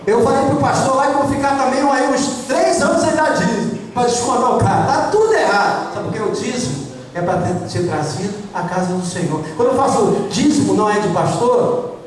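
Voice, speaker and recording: High-voiced Brazilian pastor in echoey hall. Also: male voice, expressive, brisk. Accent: Brazilian Portuguese. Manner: emphatic preaching, repeats key points, questions the congregation. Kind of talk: sermon. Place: church hall. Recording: echoey church hall from far off.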